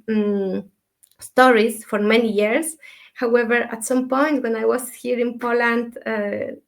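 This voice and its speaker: Soft-spoken woman from Ecuador, flat tone. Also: fairly high pitch, creaky. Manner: soft-spoken, thoughtful, many fillers. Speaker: dream mentor, guest. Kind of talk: casual interview talk.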